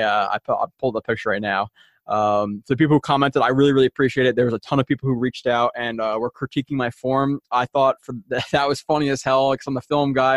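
A man's voice: medium pitch, no room sound. A young man hosting a sports podcast in a casual, rambling, informal and mildly salty way. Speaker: podcast host.

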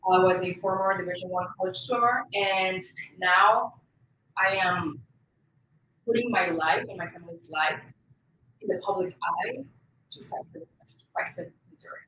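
A woman's voice: medium pitch, moderate pace, dull audio, a little hiss or hum. A woman in her twenties from Colombia, a political candidate giving emphatic, speech-like answers in an interview. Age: 20s. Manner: emphatic, campaign-speech delivery. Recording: echoey room with faint ambience.

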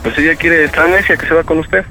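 A stubborn son-in-law played by a man argues with his mother-in-law in a fairly high voice, defensive and insistent. Loud music plays behind him. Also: steady tone, quick pace.

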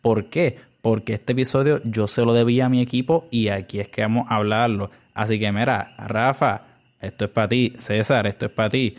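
A man's voice: on the low side, steady tone, normal speed. Chatty Puerto Rican man hosting a podcast. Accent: Puerto Rican Spanish. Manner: chatty, filler-heavy, mixes in English words. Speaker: podcast host. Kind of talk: casual podcast monologue.

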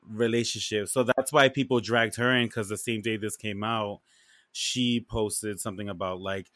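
A man co-hosting a podcast, chatting in a slangy, expressive, casual way. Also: lowish voice, moderate pace, dry recording, studio quality. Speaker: podcast co-host. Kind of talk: casual chat.

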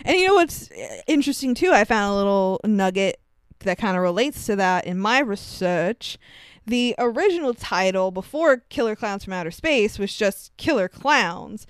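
Laughing young woman, crisp clear voice. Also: medium pitch, moderate pace, no echo. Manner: laughs often, animated, bursts into silly put-on voices. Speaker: podcast co-host. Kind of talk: casual movie review chat.

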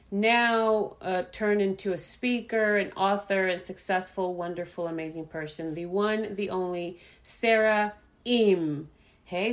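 A woman hosting an interview show, welcoming her guest with effusive praise and encouraging her with short murmurs. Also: medium pitch. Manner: upbeat, effusive introductions with frequent back-channel murmurs. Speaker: host. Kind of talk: interview host.

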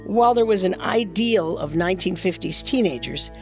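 A woman's voice: fairly low pitch, normal speed, soft background music. A woman delivering scripted true crime narration as a storyteller.

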